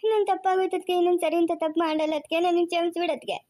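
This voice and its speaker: A woman's voice: very high-pitched, little pitch movement, rapid-fire, mellow. A woman playing a tearful young wife in a family drama skit, crying as she pleads over and over to be forgiven. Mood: pleading, tearful. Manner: pleading, repeats her plea over and over.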